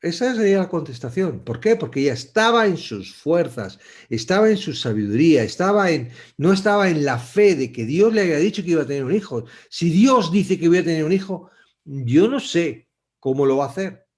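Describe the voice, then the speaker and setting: A man teaching a Bible study in a conversational, reflective way, often pausing and restarting as he searches for words. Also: a little high, expressive, darkish tone.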